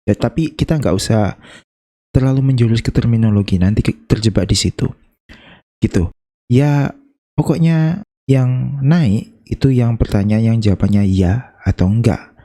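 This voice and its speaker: A man from Indonesia teaching an English lesson in a casual, chatty way, slowing down to act out example questions. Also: medium pitch, warm tone. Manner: chatty, playful, slows down to demonstrate intonation.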